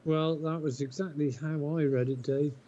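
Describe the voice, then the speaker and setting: A man playing a golf video game, chatting easily with a friend and thinking out loud as he reads his putts. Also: fairly high pitch, fairly even intonation, normal speed. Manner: easygoing, thinks aloud with restarts. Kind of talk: casual gaming chat. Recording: dull lo-fi mic.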